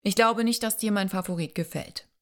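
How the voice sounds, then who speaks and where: A woman reading a gentle, teasing young man in love. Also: medium pitch, a little fast, lightly acted. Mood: tender, teasing. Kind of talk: audiobook dialogue.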